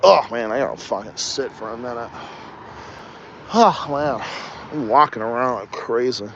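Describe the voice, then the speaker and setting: At normal speed and mid-range pitch, a young man with a mild Texas Southern accent chats through a casual outdoor livestream, walking, rambling, and cursing in an animated way. The audio is dull, with slight background noise.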